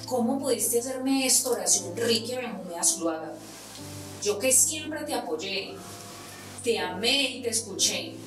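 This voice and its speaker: A woman's voice: fairly high pitch, animated, a little slow, far from the mic. A woman with a Colombian accent playing a betrayed, reproachful, heartbroken partner in a drama. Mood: hurt, accusing. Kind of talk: dramatic voice acting. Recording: very echoey room, off-mic, music behind.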